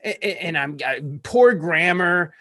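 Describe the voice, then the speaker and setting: A man's voice: sits high, slow, no echo. Rambling thirtysomething man, dry close mic. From California. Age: 30s. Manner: energetic, rambling, stammering restarts. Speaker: podcast host as guest. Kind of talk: casual interview chat. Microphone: podcast microphone.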